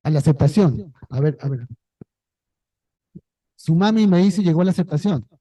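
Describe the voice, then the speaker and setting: A man's voice: a little high, normal speed, mellow, no room sound, low-quality recording. A man, a priest, giving a talk to a parish group in a casual way, often checking in with the listeners. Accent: Peruvian Spanish. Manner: conversational, checks in with "¿no?" and "¿ya?". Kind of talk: pastoral talk with audience.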